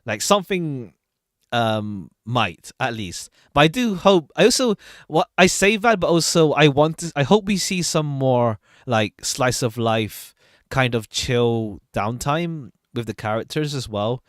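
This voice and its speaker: A man's voice: medium pitch, lively intonation, unhurried, fairly bright tone, no room sound, clean studio sound. A man giving casual livestream commentary as a streamer, chatty and hesitant as he thinks aloud. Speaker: streamer reacting to game trailers.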